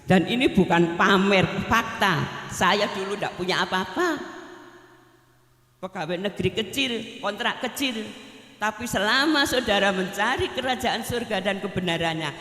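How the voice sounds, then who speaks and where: A woman's voice: medium pitch, unhurried, a bit bright. An older woman with a Javanese accent gives a chatty church testimony, often turning to address the pastor directly. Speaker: evangelist giving a testimony. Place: church hall. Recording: reverberant church hall.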